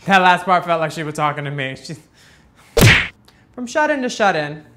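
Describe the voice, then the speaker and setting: A man talking as a sassy, campy drag queen host, giving catty comic commentary on video clips in a bright, high-placed voice. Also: expressive, moderate pace, heavy background noise. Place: photo studio with grey backdrop.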